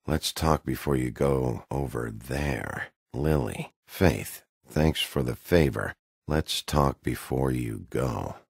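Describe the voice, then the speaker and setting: An actor playing a gruff, weary, hard-boiled wolf detective in a video game, with a gravelly, husky voice and a blunt, dry, brooding way of questioning. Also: male voice, rumbling low, slow, dry recording, full character voice. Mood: low-key, wary.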